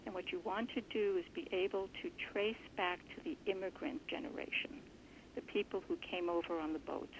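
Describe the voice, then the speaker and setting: A woman guest in an interview, explaining her family research earnestly and thoughtfully, with a gravelly voice. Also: lowish voice, a little fast, slight background noise. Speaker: genealogist guest. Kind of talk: conversational interview answers. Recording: muffled lo-fi recording.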